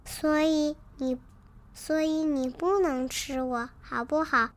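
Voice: sits high, steady tone. A woman doing a tearful little baby dinosaur. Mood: pleading. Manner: slow, tearful childlike pleading. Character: small crybaby baby dinosaur, sweet and polite.

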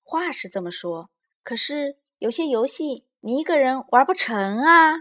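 A calm and wise mother bear in a children's storybook, speaking patiently and gently. A woman plays her in a slightly raised, soft voice. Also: sits high, a little slow, voice pushed up.

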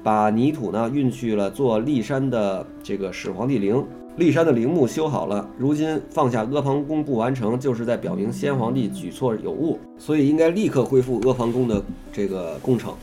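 Mellow-voiced man reading history aloud. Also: medium pitch, lively intonation, normal speed, hardly any pauses, faint music behind. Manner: reads steadily, then breaks off to ask questions and comment. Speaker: reader and explainer of a classical history text. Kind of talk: reading a classical text aloud and chatting about it.

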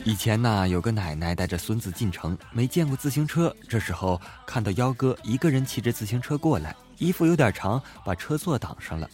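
A man telling comic stories in a lively way, voicing the people in them. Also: fairly low pitch, fairly quick, hardly any pauses. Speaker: joke narrator. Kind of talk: comic storytelling of jokes. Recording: faint music behind the voice.

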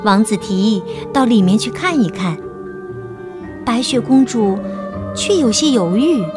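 A woman narrating a children's bedtime story in a gentle, high voice. She reads slowly and expressively. Clear music plays under her narration. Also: lively intonation. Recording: narration over loud music.

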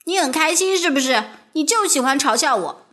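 A woman's voice: high voice, animated, moderate pace, a bit bright, voice pushed up. A woman reading as an earnest young girl. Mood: angry. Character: earnest young girl, impulsive but sincere.

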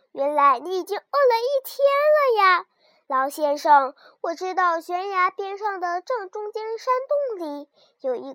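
A woman voicing a timid, polite young lamb in a children's storybook, speaking up in a high, pleading voice. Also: fairly bright tone, no room sound, clean studio sound, full character voice.

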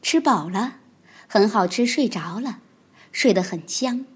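A woman reading a children's picture book aloud, with expressive storytelling. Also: mid-range voice, a little slow, breathy edge.

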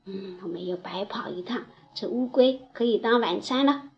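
A woman's voice: medium pitch, normal speed, muffled recording, lightly acted. Woman acting a stern, greedy storybook hunter. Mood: smug, muttering. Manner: stern, muttering to himself. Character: angry, muttering male hunter, greedy villain.

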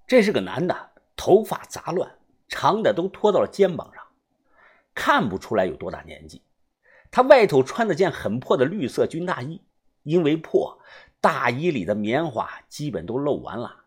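Husky guy reading a story aloud, voice swings a lot, kinda dramatic. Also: mid-range voice. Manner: conversational, dramatic. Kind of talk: first-person audiobook narration.

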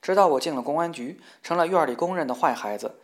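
A man reading a personal letter aloud in a measured, reflective way that grows heated when recounting arguments. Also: on the high side, expressive. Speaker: reader.

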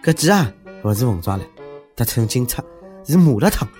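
A man's voice: medium pitch, very animated, brisk, a little mellow. Shanghai accent guy doing mocking comedy news commentary, voice goes up and down a lot, music behind him. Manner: sarcastic, mocking, conversational delivery. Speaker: host of a comic news commentary show.

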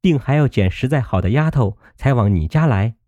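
A man voicing a young maid who is gentle but sharp-tongued, coaxing and teasing in a storybook reading. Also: mid-range voice, expressive, a little fast, no echo, lo-fi sound, pitched above the performer's own voice, lightly acted.

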